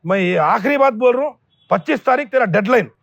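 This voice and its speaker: A man's voice: very high-pitched, expressive, quick pace, gravelly, noisy background. A man giving an angry public warning to a businessman, scolding bluntly and repeating his threats. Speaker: local activist addressing a company owner.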